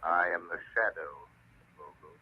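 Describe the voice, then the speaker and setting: An actor playing an invisible, mocking avenger in 1940s radio drama, measured and theatrical with a husky voice. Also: male voice, low voice. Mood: menacing, mocking. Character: the Shadow, invisible male avenger, mocking, menacing and composed. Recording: muffled old radio broadcast.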